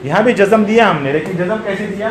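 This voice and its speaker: Higher-voiced man teaching grammar in an echoey room. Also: fast talker, crowd noise. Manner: quizzes students, corrects patiently. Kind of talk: online Arabic grammar class.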